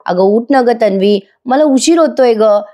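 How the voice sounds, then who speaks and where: An exasperated young husband, coaxing and pleading with his wife, as a woman acts him out. The voice sits somewhat high and sounds soft and mellow. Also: moderate pace, close to an everyday voice.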